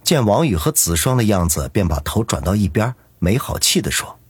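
Husky, lively male narrator. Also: on the low side, normal speed, no echo, clean studio sound. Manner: lively, dramatic storytelling. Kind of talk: expressive audiobook narration.

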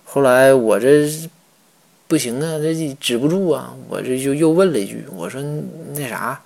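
Tipsy old-timey emperor rambling, repeats himself a lot, halting, guy doing the voice in a joke. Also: mid-range voice, expressive, creaky, a little mellow. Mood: tipsy storytelling.

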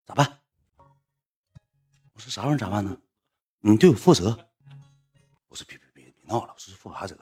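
A man with a Northeastern Mandarin accent telling a slangy, animated story to a livestream audience, swearing freely. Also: fairly low pitch, fairly quick, pauses often, slightly rough, soft background music. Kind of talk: casual anecdote telling.

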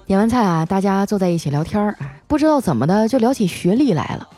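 A female host telling comic everyday stories in a chatty, lively way. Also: mid-range voice. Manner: lively, chatty, drawn-out particles. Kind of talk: comic storytelling. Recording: faint music bed.

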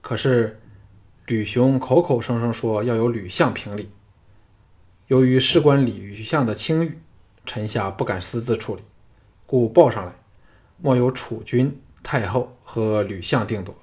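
A man playing an upright commander in a storybook reading, speaking close to the narrator's own mid-pitched voice. He reports to the throne formally and with quiet self-assurance. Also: a little slow, close to an everyday voice. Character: bold male general, upright and self-assured. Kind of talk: audiobook character voicing.

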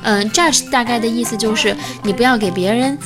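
A woman with an explains English vocabulary in a relaxed, patient way, stretching out example words. Her voice sits a little high. Music plays clearly beneath her. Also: brisk. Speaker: English teacher. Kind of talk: casual spoken lesson.

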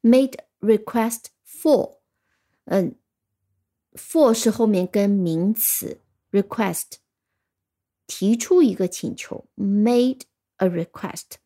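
Slow warm-voiced lady teacher going over words, spells them out letter by letter. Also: medium pitch. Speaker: English teacher. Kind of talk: recorded vocabulary lesson.

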